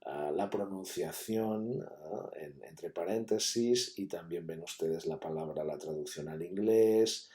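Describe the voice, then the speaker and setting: Speaking slowly in a low, dark voice, a Catalan-speaking university lecturer presents at an academic conference. He explains steadily, leaning on fillers and tag questions, and the recording carries room echo.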